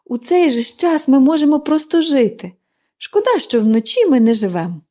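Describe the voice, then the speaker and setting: A woman's voice: high-pitched, sing-song, moderate pace, darkish tone, pitched above the performer's own voice. A woman voicing a cheerful, chatty young girl in an audiobook reading, gushing and eager.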